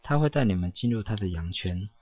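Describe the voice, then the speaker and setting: A man giving a solemn scripture reading in a preaching cadence, with steady emphatic affirmations. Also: lowish voice, a little fast, no room sound. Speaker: scripture reader. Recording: dull, dry lo-fi recording.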